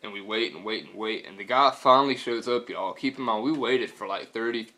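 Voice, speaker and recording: A man's voice: on the low side, brisk, pushed and bright. A young man with a Southern US accent telling a story casually in a slangy, profane, rambling way. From North Carolina, US.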